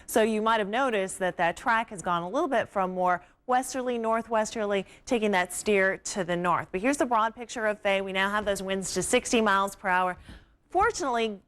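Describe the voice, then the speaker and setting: Woman doing tv weather live, average pitch, explains it in an informal flowing way. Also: fairly quick, a bit bright. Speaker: TV weather forecaster.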